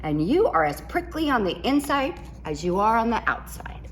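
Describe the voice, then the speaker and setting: A woman's voice: on the high side, sing-song, moderate pace, a little hiss or hum, voice pushed up. A woman voicing a blunt, indignant coyote in a storybook.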